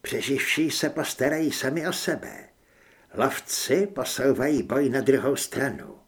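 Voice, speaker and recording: A man's voice: medium pitch, very animated, husky. Brief: male reader as a stern commander rallying new hunters. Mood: rousing. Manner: rousing, measured, speech-giving. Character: stern male leader addressing recruits.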